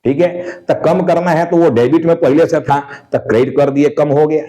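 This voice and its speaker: A man's voice: a little high, fairly even intonation, normal speed, warm tone, poor audio. A man teaching an accounts lesson, explaining step by step and answering his own questions for the students. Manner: often says "dekho" and "theek hai" to check on students. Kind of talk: explanatory lecture.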